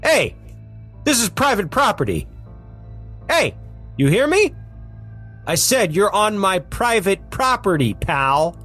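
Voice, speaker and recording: A man voicing a bellowing, gruff mechanic. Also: sits high, very animated, slow pace, pauses often, bright, forceful tone, soft background music, voice pushed up, exaggerated voice. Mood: confrontational. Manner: bellowing, confrontational. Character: gruff short-tempered middle-aged male mechanic.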